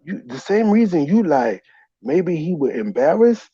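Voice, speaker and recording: A livestream host and commentator with a fairly high, husky, mellow voice speaks unhurriedly, his pitch swinging widely. Putting on a comic accent, he banters in a mock-exasperated, teasing way, repeatedly calling someone "ma'am." The stream audio is dull, lo-fi and roomy.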